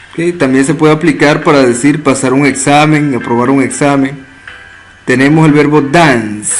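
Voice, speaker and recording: A man teaching English grammar, explaining step by step and repeating each word slowly for practice. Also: fairly high pitch. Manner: slow, careful, repeats words for drill. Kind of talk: explaining a lesson.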